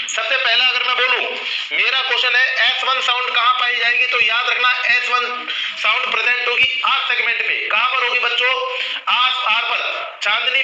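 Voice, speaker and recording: A man with a high, very bright voice gives a live online nursing lesson in an echoey room. He keeps asking his students questions and answers them himself, over and over. His pitch stays fairly level. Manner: repetitive question-and-answer teaching, addressing students as children. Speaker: nursing teacher. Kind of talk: live online class lecture.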